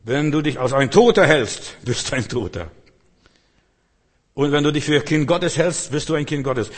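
A man delivers a sermon in a slightly husky, breathy voice. He speaks straight to his listeners, repeating phrases for emphasis and asking questions. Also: fairly high pitch. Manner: emphatic preaching with repetition and direct address. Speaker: preacher.

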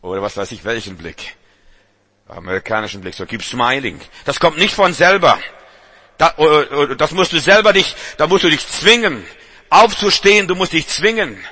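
A man's voice: on the high side, expressive, normal speed, bright, forceful tone, a little hiss or hum. A man preaching a sermon to a church congregation, repeating and urging his listeners. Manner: emphatic, repetitive exhortation. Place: church service.

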